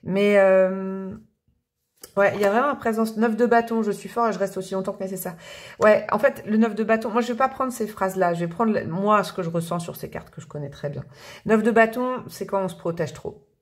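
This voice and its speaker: A woman giving a casual spoken tarot reading, chatty and thinking aloud with many fillers and restarts. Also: medium pitch. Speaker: tarot reader.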